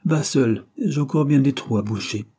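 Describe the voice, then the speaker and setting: A bitter, jealous young peasant voiced by a man reading aloud, curt and scornful. His voice rides higher than the narration, while staying husky and dark. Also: normal speed, natural voice. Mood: bitter, sullen.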